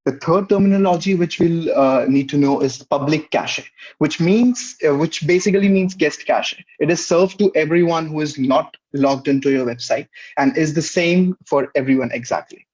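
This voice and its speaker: A young man talks through a tutorial from a small room, using a headset on a video call. His voice sits slightly high for a man. The audio comes through dull and muffled. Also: normal speed. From India. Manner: steady explanatory delivery with frequent "uh" fillers. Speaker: guest presenter. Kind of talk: webinar tutorial.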